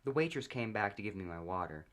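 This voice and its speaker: This is a man telling a funny story from his own point of view, his voice fairly low and his reading deadpan and fast.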